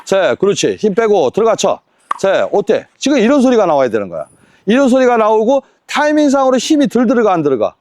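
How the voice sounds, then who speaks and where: A man coaching a tennis lesson on court, counting drills and firing quick rhetorical questions at his student. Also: high voice, wildly swooping pitch, a little mellow, no echo, studio quality.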